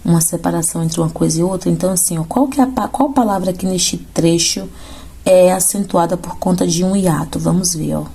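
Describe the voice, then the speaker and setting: Speaking briskly with vocal fry, a woman with a lowish, warm, slightly rough voice leads an exam-prep Portuguese lesson. She explains the grammar questions step by step, often checking in with her class.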